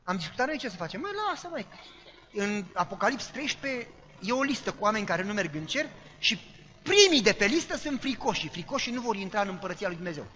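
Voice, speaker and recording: A man's voice: high-pitched, lively intonation, sharp tone. A male preacher telling a dramatic story in a sermon, acting out voices and sounds. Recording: dull sound with long hall reverb.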